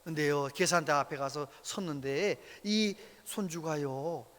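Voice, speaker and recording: A man preaching a sermon as pastor, telling stories with animated, acted-out voices. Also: on the high side, unhurried. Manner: animated storytelling, acts out quoted voices. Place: church sanctuary. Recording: reverberant church hall.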